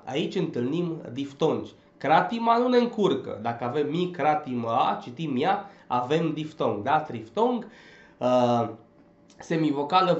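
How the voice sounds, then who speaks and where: Emphatic male teacher, echoey dull sound. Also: a little high. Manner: emphatic, drills points with frequent "da?". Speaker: Romanian language teacher. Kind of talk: exam-prep lesson. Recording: echoey, slightly dull recording.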